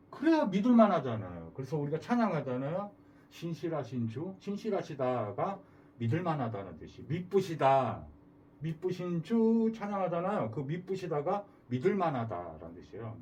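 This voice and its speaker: Male preacher, somewhat high and lively delivery, heard a bit off-mic, emphatic questions to the congregation. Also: moderate pace, distant mic, highs cut off, a little hiss or hum. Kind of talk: sermon.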